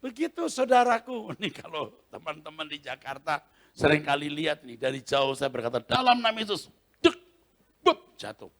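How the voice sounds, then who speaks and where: A male pastor preaching a sermon with animated storytelling, often laughing and acting out scenes, in a convention hall. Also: on the high side, moderate pace. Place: large convention hall, Christmas service.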